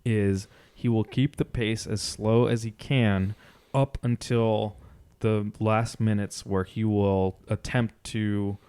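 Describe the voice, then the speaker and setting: A man co-hosting a podcast gives casual sports recap commentary, explaining in a measured way and repeating phrases. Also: lowish voice, steady tone, warm tone, smooth. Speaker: podcast co-host.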